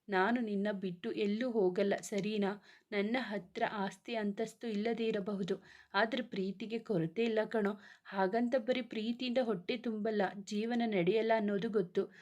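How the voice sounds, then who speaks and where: An earnest, humble young man speaks with soft, pleading tenderness, as a woman reading the story gives him his lines. This is a storybook reading, the voice kept close to an everyday one. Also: medium pitch, close to an everyday voice. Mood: tender.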